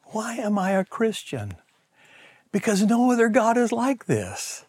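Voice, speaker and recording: A middle-aged man preaching a conversational sermon, acting out quoted voices and dropping to soft near-whispers. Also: sits high, very animated, a little slow, breathy edge, no room sound, clean studio sound. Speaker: pastor.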